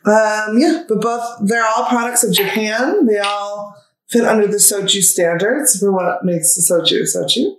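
A podcast co-host in casual chat, animated and laughing often. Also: medium pitch, unhurried. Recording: echoey room.

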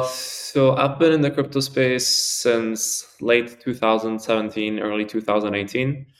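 Speaking in an ordinary middle register, a young man in his early twenties from Spain answers a podcast host's questions. He rambles casually, leaning on "like" and "um" as he talks. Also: medium pitch. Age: early 20s. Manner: rambling, heavy use of "like" and fillers. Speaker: podcast guest.

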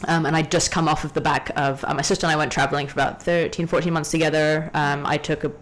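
A young woman from Hong Kong telling a story in a casual podcast chat, ranty and animated. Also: deep voice, quick pace. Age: young adult. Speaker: guest.

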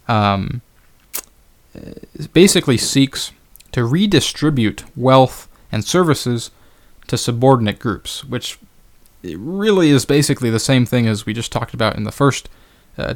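A man talking through his own solo podcast, loose and conversational. He pauses often on fillers and drops dry, sarcastic remarks. His pitch sits at a middling level for a man. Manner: conversational, many fillers, wry sarcastic asides. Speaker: podcast host. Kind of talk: casual solo podcast monologue.

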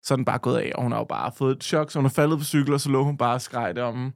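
A man's voice: mid-range voice, steady tone, vocal fry, no echo, clean studio sound. A man co-hosting a podcast, telling a long story in a loose, rambling way with many fillers. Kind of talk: casual podcast chat, storytelling.

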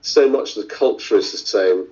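Thoughtful low-voiced surgeon, dull audio. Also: male voice, moderate pace, darkish tone. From India. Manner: thoughtful, many fillers and restarts. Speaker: surgeon guest. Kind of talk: interview answers.

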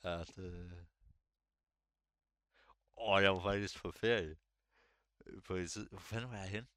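A young man chatting casually on a podcast, relaxed and hesitant, with lots of fillers and restarts. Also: sits low, smooth, no room sound, clean studio sound. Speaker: podcast co-host. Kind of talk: casual chat.

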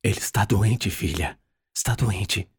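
A man's voice: lowish voice, unhurried, slightly rough, heavily acted. A man voicing a middle-aged wife and mother in an audiobook, questioning and slightly reproachful. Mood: soothing.

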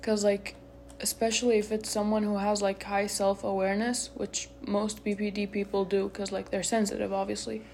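A woman's voice: mid-range voice, flat delivery, normal speed, vocal fry, hardly any pauses, darkish tone, slight background noise. A woman co-hosting a casual podcast chat, explaining her views firmly, with many fillers. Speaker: podcast co-host.

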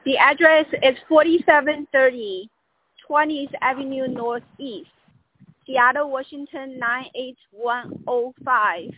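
High-voiced woman caller on tinny phone line. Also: steady tone, slow, slight background noise. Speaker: caller making a complaint. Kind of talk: unscripted phone complaint.

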